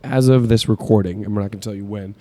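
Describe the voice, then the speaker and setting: A young man co-hosting a coffee podcast, bantering with deadpan, goofy humor and talking through brewing gear. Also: on the low side, quick pace. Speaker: podcast co-host. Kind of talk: casual chat.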